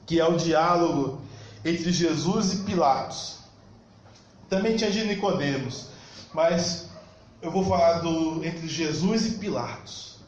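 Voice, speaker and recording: A man with a high voice preaches a church sermon in a Brazilian Portuguese accent. He talks fast and emphatically, at times rising to a shout. His voice rings around a very echoey church hall with faint noise underneath. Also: muffled recording. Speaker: pastor.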